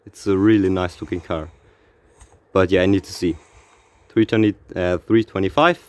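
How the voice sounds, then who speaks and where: A man giving casual, excitable commentary on opening car packs in a racing game, reading out car names and laughing often, a little out of breath. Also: deep voice, normal speed. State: slightly out of breath. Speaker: gaming YouTuber.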